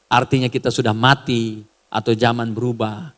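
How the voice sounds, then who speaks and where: A middle-aged man preaching a sermon in a casual, animated way, sometimes raising his voice. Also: mid-range voice, normal speed. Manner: casual, animated preaching with raised shouted bits. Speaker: pastor.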